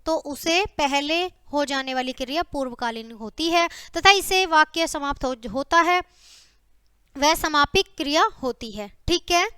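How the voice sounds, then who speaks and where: A woman's voice: high-pitched, a little slow, pushed and bright, dry recording, studio quality. A woman teaching a grammar lesson to schoolchildren. She reads out examples one by one and keeps checking in with "okay" as she goes. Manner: says "ठीक है" often, addresses students as "बच्चा".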